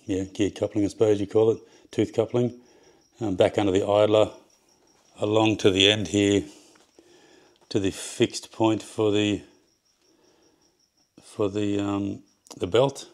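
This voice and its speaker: A man casually walking through his workshop build, halting often with ums and restarts as he measures and explains. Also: on the low side, level tone. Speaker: home builder showing his project. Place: home garage workshop.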